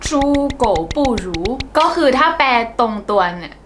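A woman's voice: high voice, expressive, normal speed, fairly bright tone, a little hiss or hum. A young Thai woman co-hosting a casual chat about swear words, playful and giggly, with music playing behind. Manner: giggly and playful, with frequent laughs. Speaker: co-host teaching Chinese and Thai swear words.

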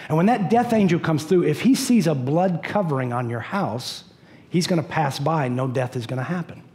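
Middle-aged pastor guy preaching on a church stage, fairly high voice, lots of energy. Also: moderate pace. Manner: animated preaching, pacing the stage with wide gestures. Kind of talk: sermon. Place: church stage in a large dim hall.

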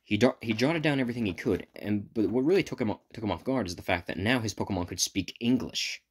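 A man with a lowish, husky voice talks fast as he improvises a fan story. His retelling rambles, with frequent stops and restarts.

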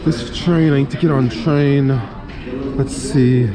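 A man's voice: mid-range voice, fairly even intonation, slow pace, crowd noise. A young American man casually talking through a train trip and a walk around a city, easygoing and upbeat. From United States. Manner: easygoing, upbeat, thinking aloud. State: short on sleep. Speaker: travel vlogger. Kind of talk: casual travel vlog. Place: trains, stations and city streets. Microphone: camera-mounted mic, handheld wide-angle. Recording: noisy handheld camera audio outdoors. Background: station and street noise.

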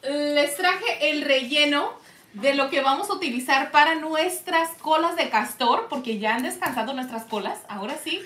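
A woman hosting a live baking stream, upbeat and chatty as she explains each step. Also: high voice. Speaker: baking show host. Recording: echoey kitchen, distant and noisy.

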